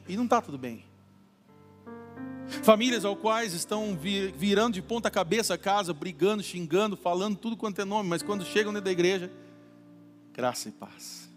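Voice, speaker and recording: A man's voice: sits high, a little fast. A male Brazilian pastor giving a sermon in a church, chatty and humorous, acting out everyday quotes. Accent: Brazilian Portuguese. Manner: conversational preaching with acted-out everyday quotes. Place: church hall. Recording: reverberant church hall with faint music.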